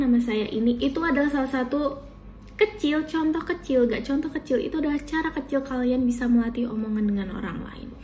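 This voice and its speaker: Young woman, student, from Indonesia, high-pitched, casual chatty advice, filler words, faint background noise. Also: dark tone. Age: young adult. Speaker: university student. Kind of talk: informal talk giving tips to viewers.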